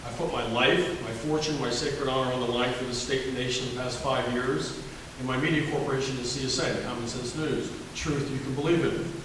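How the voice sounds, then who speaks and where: A gubernatorial candidate from Alabama with a Southern US accent answers at a forum in an emphatic, folksy, repetitive way, speaking slightly fast at a medium pitch with fairly even intonation. He's recorded from far off in an echoey hall with background noise.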